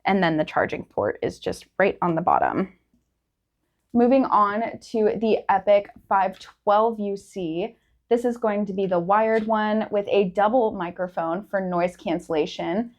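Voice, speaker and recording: A woman's voice: medium pitch, lively intonation, a little slow. A woman hosting a product review in a casual presenting style.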